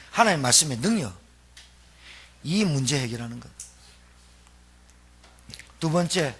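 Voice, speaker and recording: A man's voice: a little high, fairly bright tone, slightly rough. A middle-aged male pastor preaching a sermon, emphatic and repetitive, firing questions at the congregation and having them repeat after him.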